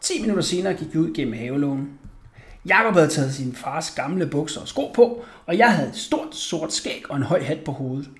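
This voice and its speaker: A man narrating a children's audiobook with a lively, expressive reading. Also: on the high side. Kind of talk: audiobook storytelling.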